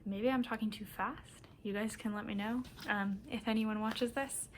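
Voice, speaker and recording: A woman from Minnesota hosting a knitting podcast in casual chat, chatty and rambling, often breaking into soft laughs. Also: mid-range voice, steady tone, normal speed, slight background noise.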